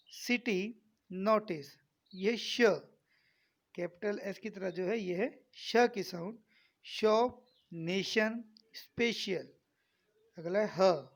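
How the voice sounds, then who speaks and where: A man teaching a spoken English lesson, addressing his students kindly and repeating each sound firmly to drill it. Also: high-pitched.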